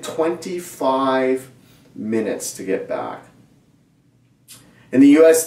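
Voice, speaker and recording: Middle-aged guy preaching, chatty, lots of restarts, roomy echo, mic kinda far off. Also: mid-range voice. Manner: conversational, animated hand gestures, frequent restarts. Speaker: pastor. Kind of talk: sermon. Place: small church studio set, indoors.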